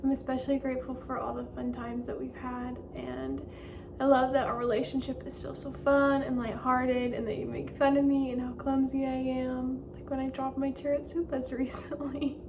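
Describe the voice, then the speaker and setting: A young woman with a high, bright voice speaks cheerfully and laughs often. She is recorded from some distance from the mic, with clear background noise. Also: flat delivery, normal speed. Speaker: granddaughter. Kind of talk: birthday video message.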